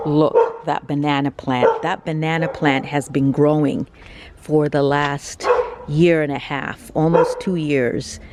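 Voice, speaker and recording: A woman's voice: low voice, a little mellow, slight background noise. A middle-aged woman narrating a casual vlog in a chatty, confiding way. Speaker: vlogger.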